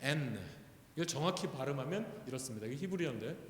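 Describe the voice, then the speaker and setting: A man preaching a sermon as pastor, often asking the congregation questions and building to loud, fervent calls. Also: mid-range voice, lively intonation, quick pace, slight background noise. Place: church sanctuary. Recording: echoey church hall.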